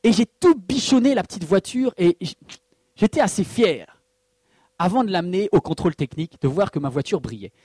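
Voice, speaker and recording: Male pastor, sermon delivery; lively, swooping intonation, slightly high voice, dry close recording. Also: moderate pace, breathy edge, no room sound. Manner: animated preaching with personal anecdotes, rhetorical questions and acted quotes.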